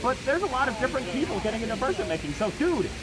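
A woman hosting her vlog in casual, excitable chat, speaking through a fursuit head outdoors. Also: a little high, very fast, over a noisy crowd, rough recording. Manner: bubbly, excitable, playful. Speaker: vlog host. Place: outdoors in a public town area. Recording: loud outdoor background noise.

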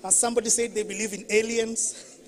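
A Kenyan-accented woman pastor preaches a sermon in church, telling lively stories and asking the congregation questions. Her voice is a little high and a little fast, with slight background noise.

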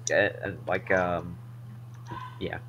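Practical, halting male commentator. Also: deep voice, flat delivery, fairly bright tone, a little hiss or hum, rough recording. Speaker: race commentator. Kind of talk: casual commentary chat.

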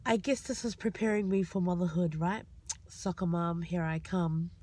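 A young adult woman, vlogging in a parked car, telling anecdotes in a casual, animated way and acting out quotes. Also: on the low side, moderate pace. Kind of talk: casual vlog storytelling. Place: inside a parked car at night. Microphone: phone at arm's length.

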